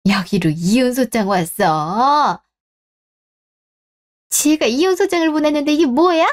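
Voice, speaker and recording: Nagging worried mom in a radio drama, kinda high voice, fires off annoyed questions. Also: female voice, lively intonation, measured pace. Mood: scolding. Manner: scolding, exasperated questions. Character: scolding middle-aged mother, blunt and worried.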